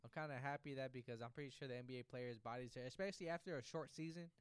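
A man's voice: mid-range voice, very fast, clear, resonant tone, no echo, clean studio sound. A man co-hosting a sports podcast in loose, profane, joking banter. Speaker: podcast co-host. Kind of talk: casual sports chat.

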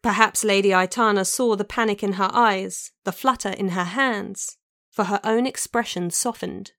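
A woman narrating a fantasy novel as an audiobook, with an even storytelling delivery. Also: medium pitch, normal speed, no echo, studio quality.

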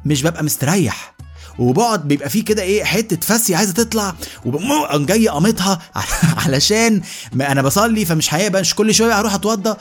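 رجل يتكلم بسرعة كبيرة بلهجة مصرية. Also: male voice, on the high side, husky. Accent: Egyptian Arabic. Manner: rapid, animated, mimics others' voices. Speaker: podcast host. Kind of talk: comedic monologue.

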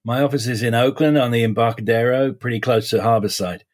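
A man in his forties with a slight Essex English accent softened by American years, chatting casually as an interview guest in halting, repetitive phrasing. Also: mid-range voice, fairly even intonation. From suburbs of London, England (Essex), then Florida from age 12. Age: 40s. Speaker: guest, criminal defense lawyer.

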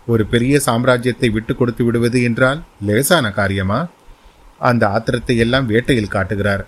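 A man voicing a calm, measured older nobleman. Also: medium pitch, natural voice. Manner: measured, advising.

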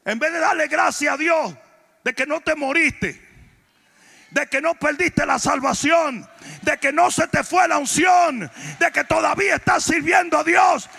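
A man, a pastor, preaching a sermon, often shouting his points and joking with the congregation. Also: extremely high pitch, unhurried, vocal fry, long reverb tail. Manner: preaching with shouted emphatic lines and joking asides.

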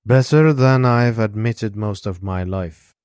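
A man voicing a guarded, reflective young man who speaks low and earnestly. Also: slow pace, a little mellow, clear, resonant tone, no room sound, studio quality. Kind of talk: audiobook character voice.

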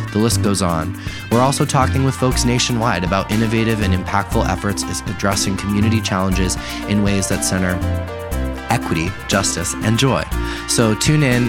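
A male podcast host giving an upbeat, scripted radio introduction and welcoming a guest. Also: lowish voice. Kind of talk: radio interview.

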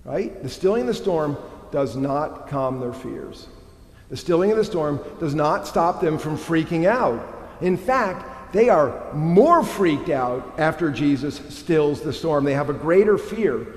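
A middle-aged man preaching a sermon as a pastor, animated and tossing in rhetorical questions. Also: fairly high pitch, unhurried. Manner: animated, frequent rhetorical "right?". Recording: echoey hall with long reverb.

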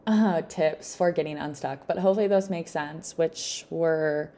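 A woman's voice: deep voice, a little slow, dark tone. A young adult woman giving casual, chatty advice in an upbeat, encouraging, informal way, peppering her talk with "like". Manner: informal, frequent "like" as filler. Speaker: host of a self-help podcast.

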